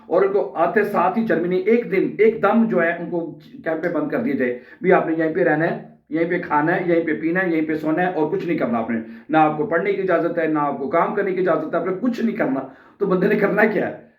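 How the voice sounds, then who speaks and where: A man from Pakistan, earnestly telling his own story to viewers in a casual vlog and checking in with them often. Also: fairly high pitch. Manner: earnest, addresses viewers directly, keeps adding "okay" checks. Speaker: language vlogger. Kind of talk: casual personal storytelling to camera. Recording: roomy, distant, dull mic sound.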